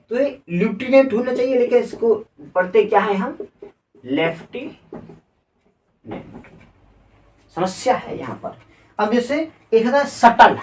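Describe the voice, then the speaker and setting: A man's voice: sits high, darkish tone, reverberant, recorded from a distance. Man teaching grammar, off-mic. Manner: spells words out letter by letter and asks rhetorical questions. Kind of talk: classroom lecture.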